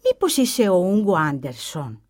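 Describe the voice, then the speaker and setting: A woman voicing a kind, puzzled schoolteacher who asks gentle questions. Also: fairly low pitch, sing-song.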